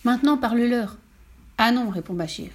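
A woman voicing a friendly male shopkeeper who speaks in a calm, reassuring way in a storybook reading. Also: a little high, moderate pace, breathy edge.

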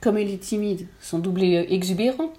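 A woman reading a children's story aloud in a lively storytelling voice. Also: fairly quick. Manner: lively, voices the characters' lines with raised pitch.

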